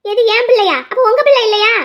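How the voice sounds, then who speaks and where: A woman with a very high voice performs a cartoon family drama. Her delivery is sing-song and dramatic, moving between mournful laments and sharp arguing. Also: steady tone, fast, muffled recording. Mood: argumentative.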